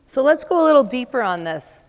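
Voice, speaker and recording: A middle-aged woman leads a business seminar, talking with the room in a conversational way and checking in with a quick rhetorical question. Her voice rings with a long reverb, as if caught in a large hall. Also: sits high, sing-song. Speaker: seminar presenter.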